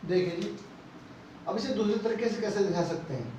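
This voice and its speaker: A man teaches a chemistry class, drilling the students with questions and repeating terms, his voice pitched high. He is picked up from a distance in a strongly echoing classroom. A faint hiss sits under the sound. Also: brisk, warm tone. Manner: repeats key terms and asks rhetorical questions; mixes Hindi with English technical terms. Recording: echoey classroom, mic far off, faint noise.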